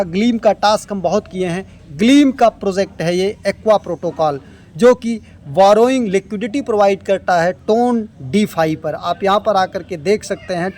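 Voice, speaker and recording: High-voiced man giving a crypto app walkthrough. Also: a little mellow. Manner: step-by-step instructive, mixing English terms into Hindi. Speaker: crypto earning tutorial host. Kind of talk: screen-recorded app walkthrough.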